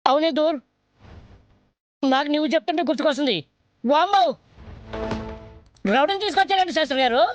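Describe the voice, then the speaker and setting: An actress playing an excitable, easily frightened woman in a TV serial, talking shrilly and fast. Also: high voice, soft background music, natural voice. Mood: alarmed. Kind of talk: TV serial dialogue. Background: background score.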